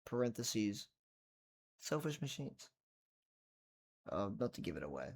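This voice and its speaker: Man, low voice, tired, rambling casual vlog, mumbles and swears, late night at home. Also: big pitch swings, measured pace, a little hiss or hum. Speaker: vlogger reviewing a record.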